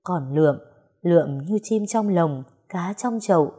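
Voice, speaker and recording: Low-voiced woman telling a folksy story. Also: expressive, unhurried, mellow, slightly rough. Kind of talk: scripted story narration.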